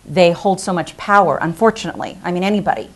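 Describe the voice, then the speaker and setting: A woman speaks as a guest commentator on a panel. Her voice sits somewhat low. She rambles through her points with emphasis. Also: fast talker. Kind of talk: panel discussion.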